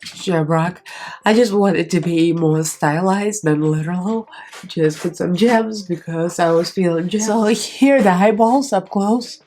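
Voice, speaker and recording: Stuffy and nasal from a cold, this woman talks while putting on makeup for a tutorial, rambling chattily with plenty of fillers. Her voice is fairly low and a little mellow, her pace measured, and there's slight background noise as the beauty vlogger strains through her congestion.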